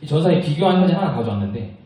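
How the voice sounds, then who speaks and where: A young man preaching to children, telling a Bible story in a lively way and asking the kids questions as he goes. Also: a little high, racing, far from the mic. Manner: animated, asks children questions. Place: church worship room. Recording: echoey room, voice from afar.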